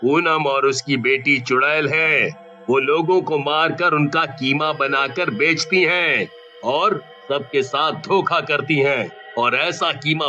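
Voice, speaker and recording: A man's voice: on the high side, pushed and bright. A man voicing a determined villager in a cartoon story, urgent and conspiratorial, with a slightly muffled sound. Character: determined male villager planning revenge. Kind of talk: cartoon voice acting.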